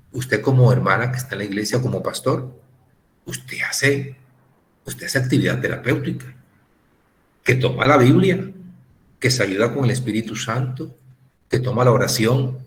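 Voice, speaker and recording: A man's voice: fairly low pitch, slight background noise. A man teaching a ministry course, lecturing with many rhetorical questions and acting out what people say. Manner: animated, rhetorical questions, acts out quoted remarks. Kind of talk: classroom lecture.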